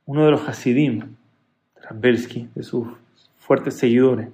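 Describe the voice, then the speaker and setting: A man teaching a religious class who tells stories in an animated way, moving between loud emphasis and soft asides. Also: medium pitch, unhurried. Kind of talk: Torah class.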